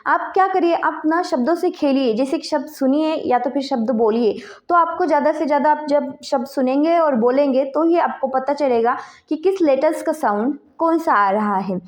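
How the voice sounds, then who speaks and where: Woman, high voice, patient teacher walking through example words. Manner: slow, deliberate listing of example words. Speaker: English teacher. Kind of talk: spoken English lesson.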